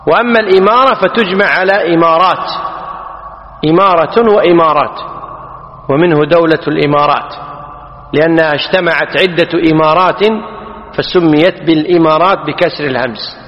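A man with a high voice lectures a class, repeating each key word and checking that the students follow. The sound is dull and lo-fi. It rings with long reverb in a large hall. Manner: deliberate, repeats key words, quizzes the class. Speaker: teacher.

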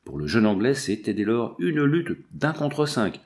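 A man narrating an adventure novel in a steady, measured audiobook reading. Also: medium pitch.

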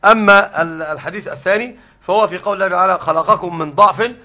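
A man's voice: high voice, quick pace, sharp tone. A man teaching a scholarly religious lesson, explaining the text step by step. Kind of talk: scholarly lesson on Quran readings.

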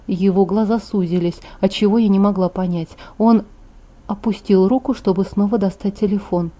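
A woman reads a first-person audiobook in a quiet, intimate way. Her voice is warm and mellow, at a middle pitch. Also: steady tone, moderate pace, dull audio. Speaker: audiobook narrator.

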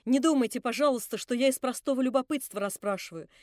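A woman's voice: sits high, fast, darkish tone, no room sound, clean studio sound, close to an everyday voice. A woman reading an audiobook, voicing an earnest, indignant young man who pleads and questions. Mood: earnest pleading. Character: indignant young male narrator-hero.

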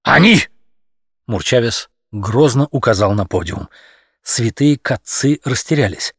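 A man narrating a humorous audiobook story in a lively, expressive way. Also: medium pitch, unhurried, husky, dry recording, clean studio sound.

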